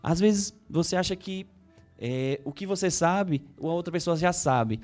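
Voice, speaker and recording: A psychologist guest with a Brazilian Portuguese accent explains things in a conversational interview, his fairly high, darkish voice unhurried over soft background music. He often repeats words while thinking and acts out inner thoughts.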